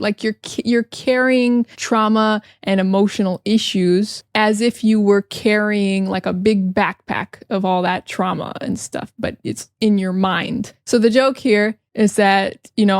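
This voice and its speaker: An American woman teaching English casually, explaining jokes and repeating phrases slowly and then fast. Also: medium pitch, dry recording, clean studio sound. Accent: General American.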